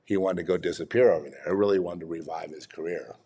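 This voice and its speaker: A man talking through an unscripted commentary in a slightly low voice. He rambles and restarts, then bursts into exasperated rhetorical questions. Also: quick pace, mellow, slightly rough. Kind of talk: off-the-cuff commentary.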